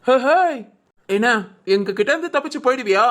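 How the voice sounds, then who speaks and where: A woman voicing a rough male henchman in a cartoon drama who jeers and yells at his target. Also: mid-range voice, expressive, a little fast, lightly acted. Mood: jeering. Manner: jeering, shouting.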